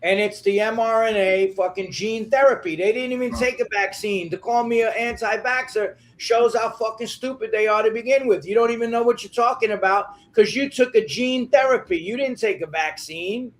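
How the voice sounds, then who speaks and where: Interview guest, man, higher register, heated profane rant. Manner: angry, profane, rapid ranting.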